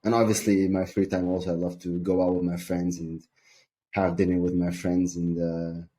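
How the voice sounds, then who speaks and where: A man from Syria, a sales coach, speaking calmly and measuredly as an interview guest, with frequent ums. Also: sits low, normal speed.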